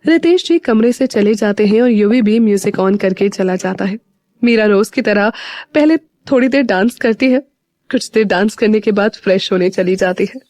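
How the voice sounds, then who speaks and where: A woman narrating a scripted audio story in a steady storytelling manner. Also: mid-range voice, no room sound, clean studio sound.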